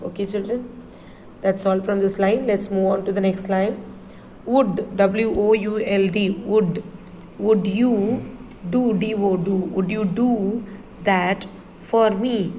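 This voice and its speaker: A woman teacher reading a story line by line to children, spelling words letter by letter and repeating them slowly. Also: mid-range voice, dark tone, a little hiss or hum, poor audio.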